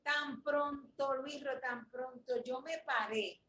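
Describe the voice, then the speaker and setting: A woman, a guest in an interview, telling an emotional story in an animated way and repeating phrases for emphasis. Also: high voice, slow, dull audio. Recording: echoey room with faint noise.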